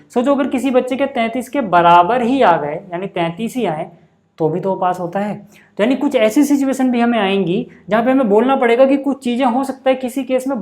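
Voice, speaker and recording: A man teaching a maths lesson at a board, patiently repeating examples and often pausing to ask the class whether it makes sense. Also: high voice. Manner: keeps checking in with rhetorical questions.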